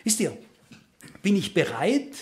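A man's voice: sits high, big pitch swings, measured pace, a little mellow. A man preaching a sermon, earnest and emphatic, speaking straight to his congregation. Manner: earnest, emphatic, addresses listeners directly.

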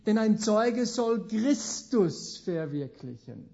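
A middle-aged man delivers a sermon in a slow, deliberate cadence, lingering on the words he wants to land. His voice is mellow and dark, and he keeps turning to the listeners with rhetorical questions. The recording sounds dull and lo-fi. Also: sits high, big pitch swings, vocal fry. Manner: emphatic, swinging between slow stressed words and quick asides. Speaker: preacher.

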